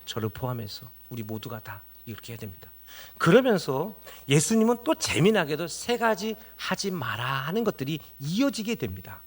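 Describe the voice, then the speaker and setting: A man's voice: on the high side, very animated, normal speed, husky. A middle-aged male pastor preaching a Sunday sermon, who asks the congregation rhetorical questions and builds up to emphatic exclamations.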